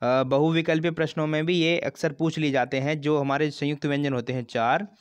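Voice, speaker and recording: A man teaching a grammar lesson for an exam, explaining slowly, repeating terms and stretching sounds as examples. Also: on the high side, fairly even intonation, clean tone, dry recording. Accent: Hindi.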